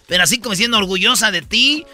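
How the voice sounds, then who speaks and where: A man's voice: high voice, very fast, pushed and bright. A man hosting a comedy radio show, telling jokes and news stories and acting out the voices of the people in them. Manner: joking, storytelling, acts out quoted voices.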